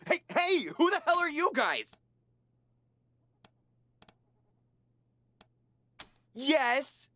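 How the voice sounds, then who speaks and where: Sheepish young guy, video game character, nervous stammer, animated pitch, slow hesitant pace, dry recording. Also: no room sound, full character voice. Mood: flustered. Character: awkward, insecure young man, sheepish and excitable.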